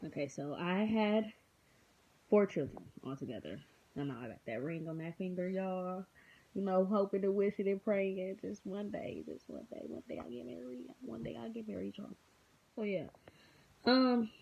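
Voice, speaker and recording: A woman's voice: medium pitch, vocal fry, mellow. A tired young woman in her twenties chatting casually to her viewers at home at night, rambling off the cuff with lots of ums and a goofy streak. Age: 20s. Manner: rambling, unscripted, many filler ums. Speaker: vlogger. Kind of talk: casual vlog chat. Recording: dull lo-fi sound.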